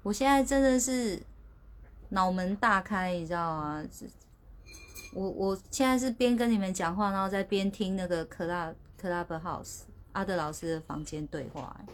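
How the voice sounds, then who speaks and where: A woman's voice: medium pitch, moderate pace. A woman hosting a casual livestream from her phone, chatty and sheepish, often restarting her words. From Taiwan. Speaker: livestream host.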